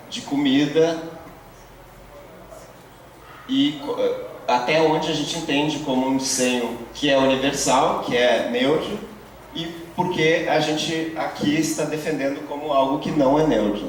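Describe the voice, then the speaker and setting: A course instructor with a medium-pitched voice gives a university lecture, patiently working through concepts and using many fillers and tag questions to check for agreement. He sits far from the microphone in a very echoey room, with a faint hum of room noise underneath.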